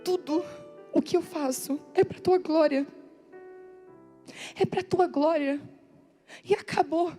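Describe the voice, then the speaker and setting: A woman with a high voice preaches a heartfelt sermon in a church hall. She speaks with intense, pleading feeling and draws her phrases out slowly, while soft instrumental music plays faintly underneath. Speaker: preacher at a women's church meeting. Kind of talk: emotional sermon.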